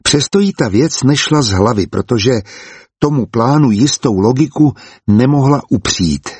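A man narrating a historical novel in a calm, measured audiobook reading. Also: medium pitch, slightly rough, dry recording.

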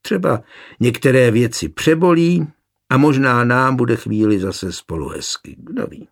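A man with a husky voice voicing a proud nobleman coldly telling his wife he is leaving, in an audiobook. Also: mid-range voice, animated. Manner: cold, measured.

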